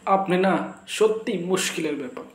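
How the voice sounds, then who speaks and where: A man's voice: sits high, normal speed. A man playing an exasperated school headmaster in a comic sketch, pleading to be heard. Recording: echoey room.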